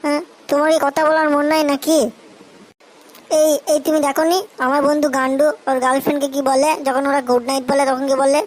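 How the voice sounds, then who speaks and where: A high-voiced, melodramatic young boyfriend, played by a woman in a comedy sketch. He pleads for attention and sinks into self-pitying laments. His talk is sulky and theatrical. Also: little pitch movement, fast, natural voice, poor audio. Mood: whiny. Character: lovesick young male boyfriend, whiny and melodramatic.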